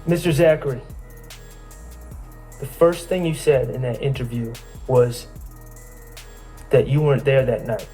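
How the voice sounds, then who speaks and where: A man working as a defense attorney, cross-examining a witness in court with measured, pointed questions that often end in "correct?". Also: mid-range voice, fairly even intonation, warm tone, soft background music, low-quality recording.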